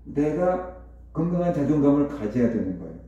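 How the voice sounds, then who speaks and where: A man preaching a conversational sermon as pastor, telling a story with rhetorical questions and lively repetition. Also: on the high side, brisk. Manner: repetitive, animated retelling. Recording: echoey hall, distant dull mic.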